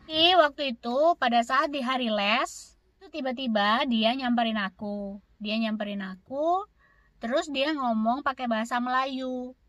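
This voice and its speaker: A woman's voice: a little high, moderate pace, fairly bright tone, dry recording. A woman from Indonesia chatting casually to her viewers, answering their questions in a rambling, repetitive way. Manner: chatty, repeats words and fills with "gitu". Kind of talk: casual Q&A storytelling.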